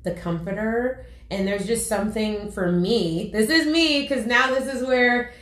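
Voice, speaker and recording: A woman's voice: on the high side, unhurried. A woman on a podcast chatting casually, telling stories with feeling and plenty of "like" fillers. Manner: emotional, animated storytelling with lots of "like". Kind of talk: casual chat. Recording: roomy, echoey sound.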